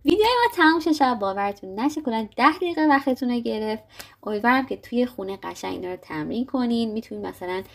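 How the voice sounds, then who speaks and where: A young woman teaching a casual video lesson, talking to viewers in a friendly way and sounding out letters slowly. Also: a little high, lively intonation, gravelly. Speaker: English teacher.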